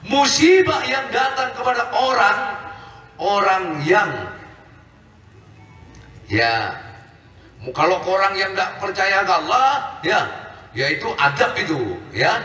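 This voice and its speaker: A man's voice: high-pitched, big pitch swings, takes it slowly, long pauses, sharp tone. A man preaching a sermon to a congregation, emphatic, often firing questions at his listeners. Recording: echoey hall, distant mic.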